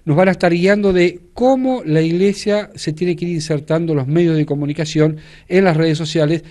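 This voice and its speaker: Older church leader, fairly high voice. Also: male voice, normal speed, mellow. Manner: explanatory, with many fillers and restarts. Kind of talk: TV news interview. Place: indoors in front of a studio backdrop.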